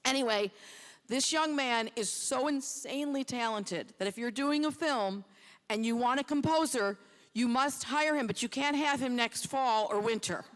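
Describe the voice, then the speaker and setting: A middle-aged woman with a slightly high voice presents an award off the cuff at normal speed, rambling, chatty and poking fun at herself. A long hall reverb hangs on the recording.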